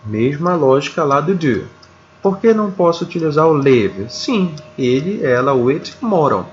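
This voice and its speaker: A Brazilian man teaches a video grammar lesson at an unhurried, careful pace, repeating himself and pausing to check that students follow. His voice sits at an ordinary middle pitch. The recording is slightly dull, with faint noise behind him. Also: big pitch swings. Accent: Brazilian Portuguese. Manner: slow, deliberate, repeats words, checks in with "tá?". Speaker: English teacher.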